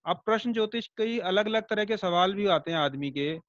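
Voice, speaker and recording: High-voiced male astrology teacher, chatty. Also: lively intonation, normal speed, a bit bright, no room sound, muffled recording. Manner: conversational, with rhetorical check-ins to students; explains by everyday comparisons and light jokes. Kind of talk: online lecture class.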